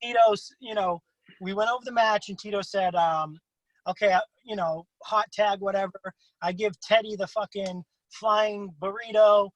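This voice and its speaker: A man's voice: steady tone, normal speed, no echo, dull audio. Profane man hosting a wrestling interview. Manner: profane, swears freely in anecdotes; acts out quotes with big pitch jumps. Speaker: interview host. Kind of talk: casual interview chat.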